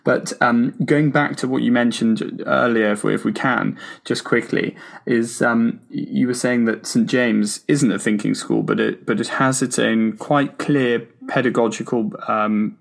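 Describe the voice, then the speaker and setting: A man's voice: mid-range voice, steady tone, measured pace, gravelly. A man hosting a podcast in a conversational style, tentatively working his way around each point. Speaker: podcast host.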